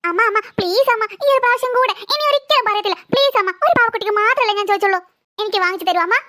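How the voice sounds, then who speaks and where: Performer doing pleading little cartoon girl, nagging, very high and bright. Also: rapid-fire. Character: little girl begging for a doll.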